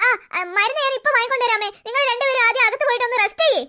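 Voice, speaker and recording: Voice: very high voice, very fast, bright, forceful tone, full character voice. A voice actor playing a sleepy, grumpy grown man who grumbles and talks with sarcasm. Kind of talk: cartoon voice acting.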